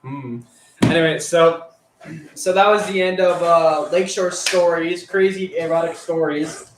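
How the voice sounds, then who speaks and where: A man's voice: a little high, measured pace, slight background noise. Rambling, foul-mouthed teen guy in an echoey room. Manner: rambling, profane and crude, with many fillers. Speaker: storyteller. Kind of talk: casual storytelling.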